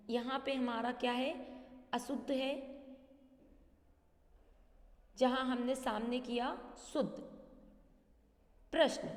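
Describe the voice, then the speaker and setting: A woman teacher giving a spelling lesson to young pupils, repeating words slowly and breaking them into syllables. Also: a little high, a little mellow. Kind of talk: recorded class lesson. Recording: echoey room with long reverb.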